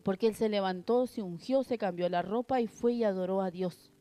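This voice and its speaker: Preaching a sermon with earnest conviction, a woman reads scripture aloud between her remarks and puts rhetorical questions to the congregation. Her voice is mellow and medium-pitched, and she speaks briskly.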